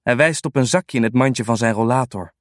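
A man reading a children's storybook aloud in an animated, unhurried way. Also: mid-range voice, no echo, clean studio sound.

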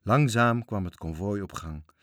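A man's voice: on the low side, a little slow, fairly bright tone, dry recording, studio quality. A man reading a children's story aloud, expressively, voicing the characters. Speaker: narrator.

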